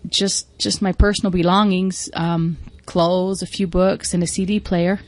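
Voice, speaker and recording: A woman's voice: on the low side, flat delivery, measured pace, lightly acted. A woman with a General American accent playing a polite traveller in a scripted language-lesson dialogue. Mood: polite, cooperative.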